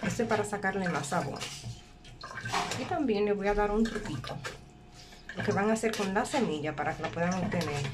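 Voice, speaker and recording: A woman talks through a kitchen task in a casual, step-by-step way. Her pitch sits in the middle range, and she often repeats herself and checks that you follow. Clear background noise runs behind her phone recording. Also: brisk, pauses often. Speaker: home cooking vlogger. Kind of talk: casual cooking demonstration. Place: small indoor kitchen at a workplace.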